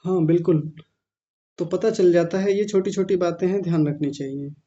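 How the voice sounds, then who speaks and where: A male teacher leading a recitation class, chanting verses syllable by syllable, correcting pronunciation and often clearing his throat. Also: sits high, fairly even intonation, moderate pace, dark tone, lo-fi sound. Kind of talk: online class pronunciation drill.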